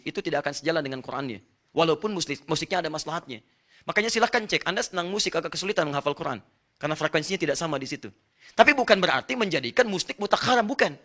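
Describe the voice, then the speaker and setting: A man's voice: fairly high pitch, sharp tone. A man preaching an Islamic lecture, explaining in an emphatic way and speaking straight to his audience. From Indonesia. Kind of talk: religious lecture.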